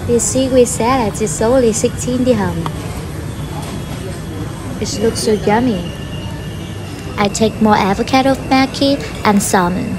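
A slightly high-voiced woman, a Vietnamese-accented food vlogger, gives a slow, friendly voice-over review in plain second-language English. The recording is low quality, and music plays in the background.

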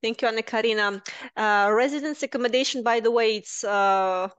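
A woman's voice: on the high side, brisk, a bit bright, clear, resonant tone, dry recording. A woman in her thirties, a careers manager, presenting and moderating a webinar over a headset on a video call, explaining at length with many filler sounds. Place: indoors, virtual background.

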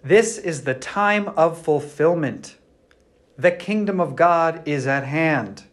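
A man serving as priest, reading the Gospel at Mass and then preaching a homily with a measured, storytelling delivery, his voice carrying a roomy church echo. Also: fairly high pitch, animated.

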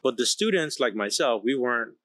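A Bahamian man in his thirties, a company founder and engineer, tells his story candidly and emphatically as an interview guest, seated on a large indoor electronics production floor. His medium-pitched voice is expressive, fairly quick and a bit bright. A close podcast mic on a boom arm gives an echo-free sound.

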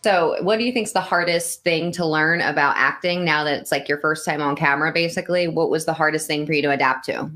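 A woman's voice: low voice, fast, hardly any pauses, a bit bright. A woman interviewing an actor in a casual, playful way, often laughing.

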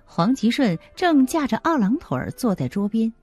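A woman narrating an audiobook drama with steady storytelling. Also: a little high, normal speed, slightly rough, dry recording, soft background music.

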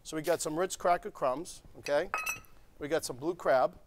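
A restaurant chef in his forties gives a cooking demonstration in a TV studio kitchen, walking through a recipe step by step in an easygoing way and checking in with "okay?". His voice is on the high side and moderately paced, with a noisy background.

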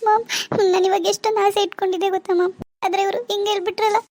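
Woman doing a heartbroken young wife in a cartoon, pleading, high pitched and quick. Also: flat delivery, a little mellow, slight background noise. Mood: despairing. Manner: pleading, despairing. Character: young married woman, tearful and desperate.

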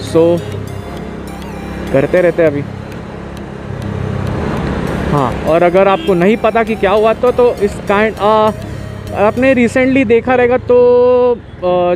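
A young man, chatting in a rambling, easygoing way while riding a motorbike on a highway and mixing in English words. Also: measured pace, long pauses, over music. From India. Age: young adult. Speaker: motovlogger. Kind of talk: casual chat while riding.

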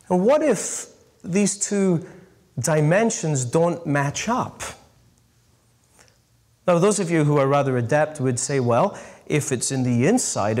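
A middle-aged priest with a slightly high voice delivers a sermon to a live audience. He tells stories with lively emphasis and slows down to land his key points.

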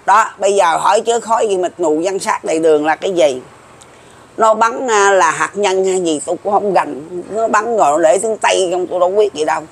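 High-voiced older Southern Vietnamese man. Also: brisk, slightly rough. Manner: rambling, folksy, repeats himself. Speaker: folk prophecy commentator. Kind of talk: casual monologue to viewers.

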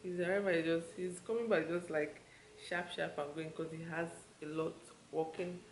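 A woman's voice: lowish voice, normal speed. Chatty young Nigerian woman vlogging. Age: young adult. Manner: chatty and relaxed, loose run-on talk. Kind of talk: casual vlog talk to camera. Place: hotel room, indoors. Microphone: handheld camera mic at arm's length. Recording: roomy with clear background noise.

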